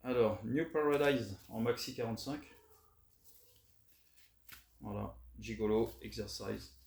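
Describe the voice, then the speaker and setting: A man chatting casually as he shows off his record finds, relaxed and hesitant with many fillers. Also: fairly low pitch, slow pace, gravelly. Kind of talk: casual unboxing chat. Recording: roomy echo, faint noise.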